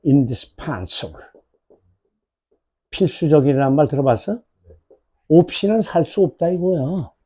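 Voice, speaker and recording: A man with a Korean accent teaching English for an exam prep lecture, asking questions and drawing out English words slowly. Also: fairly high pitch, animated, warm tone, slightly rough.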